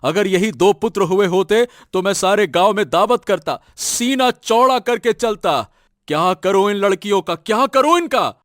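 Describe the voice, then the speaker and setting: A man's voice: high voice, slow pace, no echo, studio quality. A cold, scornful village father. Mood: contemptuous. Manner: harsh and dismissive. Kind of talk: Hindi cartoon story dubbing.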